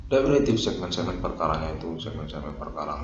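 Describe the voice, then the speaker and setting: Very low male voice, formal stilted monologue, halting pauses, echoey room, hissy lo-fi recording. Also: expressive. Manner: stiff, repetitive formal phrasing with long pauses. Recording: lo-fi roomy recording with noise.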